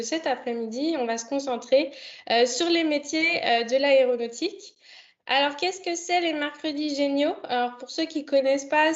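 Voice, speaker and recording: A young woman with a high voice hosts a live online session over a video conference, using a computer mic on the call. She sounds hesitant, stopping often on fillers and restarting sentences. The video call line makes her audio dull and lo-fi.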